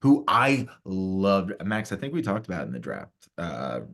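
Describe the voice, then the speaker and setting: A man's voice: low-pitched, big pitch swings, unhurried, a bit bright. A man co-hosting a sports podcast, ranting casually and with lots of swearing. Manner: profane, fired-up ranting. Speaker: podcast co-host.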